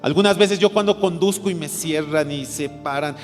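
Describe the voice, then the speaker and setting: A Bolivian man preaching a sermon in a fairly high voice, putting questions to his congregation and answering them himself. His voice carries a long echo through the church hall, with faint music underneath. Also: moderate pace. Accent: Bolivian Spanish. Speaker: pastor.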